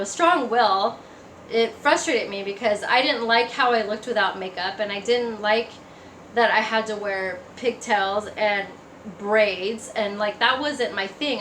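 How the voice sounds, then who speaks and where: A woman tells her personal testimony in a relaxed, conversational way, acting out remarks she remembers. Her voice is mid-range and a bit bright, heard in an echoey room with faint background noise.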